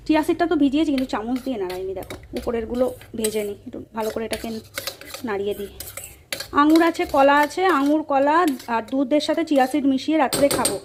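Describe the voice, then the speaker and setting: Fast-talking hoarse woman vlogger. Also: high-pitched, slight background noise. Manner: chatty, talks to viewers as friends. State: hoarse from a cold. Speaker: family vlogger. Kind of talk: casual chat to camera.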